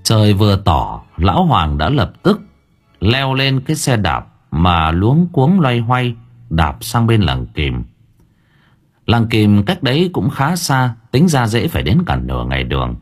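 A man narrating a ghost story in an expressive, dramatic way. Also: lowish voice, unhurried, slightly rough, soft background music. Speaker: audiobook narrator.

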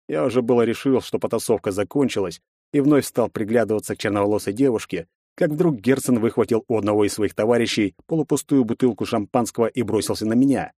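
A man narrating a first-person fantasy audiobook in a measured storytelling manner. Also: fairly low pitch, a little mellow, no room sound, clean studio sound.

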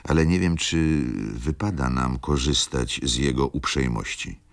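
A man's voice: rumbling low, measured pace, dry recording. A man voicing a polite, restrained young woman in an audiobook reading.

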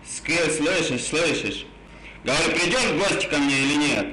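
A man's voice: fairly high pitch, expressive, moderate pace, a loud crowd. A man coaxing insistently in a casual phone chat, repeating himself, his r sounds burred and indistinct. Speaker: prank caller. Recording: echoey phone call, faint noise.

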